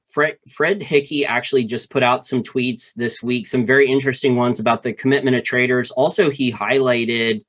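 A man co-hosting a finance podcast, walking through market mechanics step by step in a casual, animated way with frequent repeats. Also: mid-range voice. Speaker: podcast co-host.

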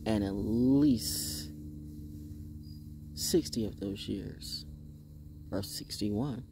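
Brash, gravelly woman in her sixties. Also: rumbling low, drawn-out words, noisy background. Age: 60s. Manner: brash, sassy and profane, with sudden laughs and whispered asides. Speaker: vlogger. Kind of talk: rambling outdoor vlog monologue. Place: outdoors on a wooden deck in woods. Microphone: phone held close at arm's length.

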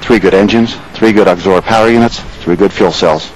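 A man's voice: quick pace, rough recording. A man giving mission control radio flight commentary in terse, matter-of-fact readouts. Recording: heavy roaring rumble over the voice.

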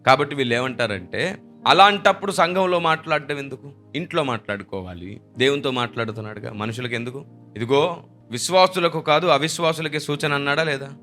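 A man's voice: mid-range voice, fairly quick, sharp tone, faint music behind. A man preaching a sermon as pastor, emphatic, with rhetorical questions and repeated phrases.

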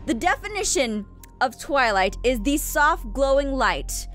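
Sassy, bumbling female defence lawyer acted by a woman, high voice, theatrical and halting, game role-play over music. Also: very animated, a bit bright, heavily acted. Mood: mock-confident. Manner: theatrical, halting, self-important. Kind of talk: improvised courtroom role-play.

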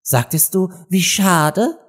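Guy doing a jumpy little rabbit, high and hushed, shy. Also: lively intonation, takes it slowly, breathy edge, exaggerated voice. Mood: nervous.

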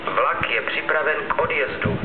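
A man gives a formal railway station announcement in measured, impersonal phrases. His voice comes tinny and echoing from a platform horn loudspeaker. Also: fairly high pitch, background noise.

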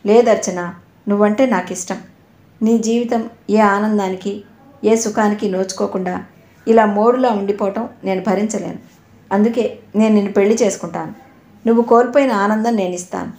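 A man's voice: high-pitched, steady tone, moderate pace, long pauses, dark tone. A woman voicing an eager young man earnestly asking to marry, read in a storybook narration. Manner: earnest, pleading. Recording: roomy echo.

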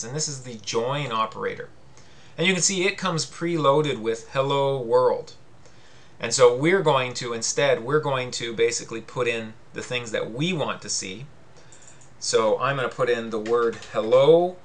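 A man's voice: medium pitch, fairly bright tone. A male teacher talking through a coding screencast, patient and explanatory, reading out on-screen prompts as he goes.

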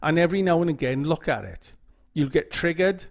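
A man's voice: on the high side, animated, brisk, vocal fry. A man giving casual instructional talk to camera, often repeating phrases and checking in with "okay?". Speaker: YouTube OCD educator.

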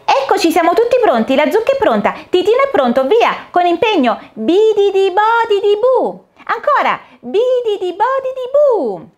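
A woman's voice: very high-pitched, very animated, normal speed, hardly any pauses, pitched above the performer's own voice. A woman voicing a bustling, cheerful fairy godmother who urges everyone on in a sing-song voice. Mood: bubbly, urgent. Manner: sing-song, urging and exclaiming.

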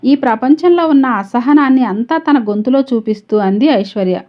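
Woman reading out a story episode, steady and measured, voice a bit high, muffled lo-fi sound. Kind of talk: serial story narration.

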